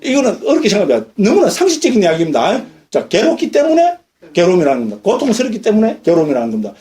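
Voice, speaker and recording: A middle-aged man, a Buddhist monk, giving a lively dharma lecture and asking his listeners questions. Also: high voice, very fast. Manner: lively, questions the audience often. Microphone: lecture recording.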